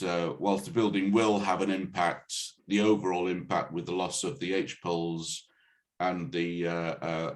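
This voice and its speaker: A man speaking as a planning officer, presenting a formal report on a video call in a halting, hesitant way with repeated false starts. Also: low-pitched. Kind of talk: formal report and answers at a meeting. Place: online video meeting.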